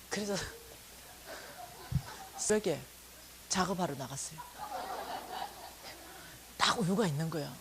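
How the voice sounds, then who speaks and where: A woman's voice: mid-range voice, low-quality recording. A middle-aged woman, a church staff lecturer, telling a personal testimony in a sermon style and acting out the quotes. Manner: animated storytelling, acting out quotes. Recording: faint hiss.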